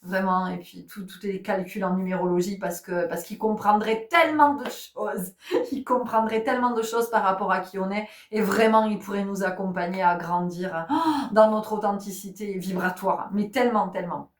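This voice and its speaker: A woman's voice: mid-range voice, fairly even intonation, normal speed. A woman in a casual vlog who tells stories in a chatty way, with many fillers and restarts. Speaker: spiritual guide and vlogger. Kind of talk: casual chat. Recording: roomy sound from a distant mic.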